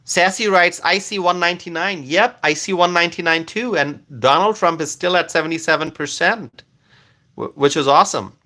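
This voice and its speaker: This Bengali-speaking man runs a casual live stream, his voice sitting on the high side with a sharp edge at a normal speed. Fillers pop up often as he reads out comments and thanks viewers by name.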